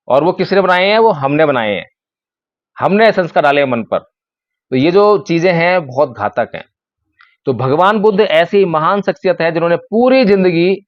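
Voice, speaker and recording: A man's voice: high voice, no room sound, dull audio. A man giving a Buddhist dharma talk to a gathering, repeating phrases and asking his listeners rhetorical questions. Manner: asks the audience rhetorical questions. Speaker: Buddhist speaker.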